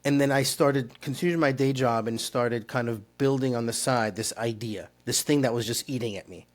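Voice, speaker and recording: A man's voice: mid-range voice, moderate pace. A middle-aged man from Turkey, a startup founder, telling his story in an interview with an earnest, rambling manner full of fillers and restarts.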